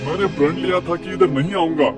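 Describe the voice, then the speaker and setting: A man plays a timid, loyal driver in a horror cartoon, anxious and respectful as he speaks. His voice sits at a middle pitch over clearly audible music. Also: moderate pace, far from the mic, close to an everyday voice. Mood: pleading. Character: timid, pleading male driver and loyal servant. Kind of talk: horror cartoon story acting. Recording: music behind the voice.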